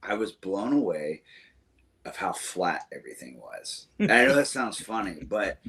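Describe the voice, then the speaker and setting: Man from the American South, very deep voice, rambling casual interview talk, lots of ums. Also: big pitch swings, moderate pace, a bit bright. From Southern United States. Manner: rambling, fond, with many fillers and restarts. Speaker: musician guest.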